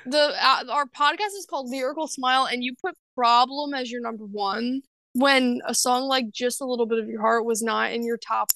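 A woman's voice: fairly high pitch, steady tone, normal speed, pushed and bright, no room sound. A young woman co-hosting a music podcast in casual chat, emphatic and swearing freely, often trailing off and restarting. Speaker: podcast co-host.

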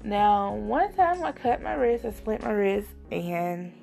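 A young woman speaks straight to her viewers in a candid personal vlog, earnest and confiding. Her voice carries a heavy, gravelly vocal fry. Soft music sits faintly underneath. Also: mid-range voice, big pitch swings, takes it slowly. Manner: earnest, confiding, addresses viewers directly as y'all. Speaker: vlogger.

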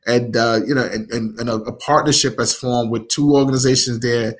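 A man's voice: mid-range voice, fairly even intonation. A man from Nigeria, an app founder, talking casually in an interview with lots of fillers and restarts. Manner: many fillers, halting restarts.

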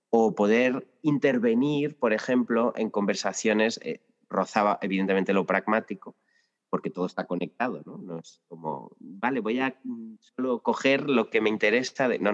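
A man explaining his language-teaching experience in a podcast interview, thoughtful and full of anecdotes with many restarts. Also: on the low side. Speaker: Spanish teacher guest. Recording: lo-fi with long reverb.

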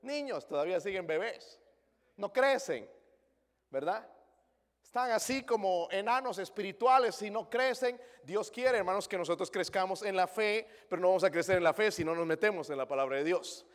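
A man's voice: high voice, animated, normal speed, long reverb tail. A male pastor preaching a sermon in a church, asking the congregation many rhetorical questions.

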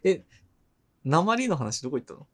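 A man's voice: fairly high pitch, big pitch swings, normal speed. A man casually chatting as a podcast co-host, listening and then slipping in dry, teasing quips. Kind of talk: casual chat.

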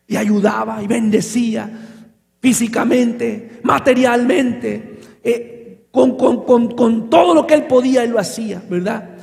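A man's voice: extremely high pitch, a little slow, creaky, darkish tone, long reverb tail. A male pastor, preaching and telling a story animatedly, calling listeners brother. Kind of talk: sermon with storytelling. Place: church.

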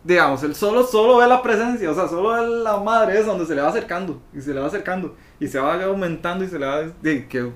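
A man's voice: high-pitched, fast, few pauses. A young man with a Costa Rican accent, telling a story in casual, slangy chat as a podcast co-host. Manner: animated storyteller, swears freely, slangy.

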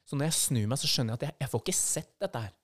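A man's voice: medium pitch, animated, no echo, clean studio sound. A Norwegian man co-hosting a podcast, telling a personal story in a casual, vivid way and acting out the voices of people in it. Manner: vivid, acts out quoted voices in his story. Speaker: podcast co-host.

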